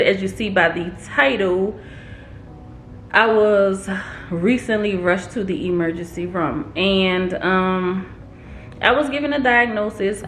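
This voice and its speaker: A young woman vlogger telling a story in a casual, animated, expressive way. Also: medium pitch, a little hiss or hum. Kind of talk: storytime vlog. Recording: roomy echo.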